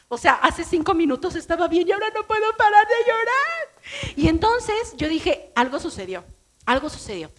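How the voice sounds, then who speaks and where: Middle-aged Mexican woman pastor, high-pitched, conversational preaching with a personal testimony. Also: fairly bright tone. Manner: conversational storytelling, acts out her own past voice.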